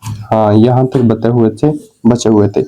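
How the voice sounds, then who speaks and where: Mellow-voiced male teacher explaining slowly. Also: fairly low pitch, level tone, low-quality recording. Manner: repeats "ठीक है" to check understanding, asks and answers his own questions. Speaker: English teacher. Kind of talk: explaining grammar rules to students.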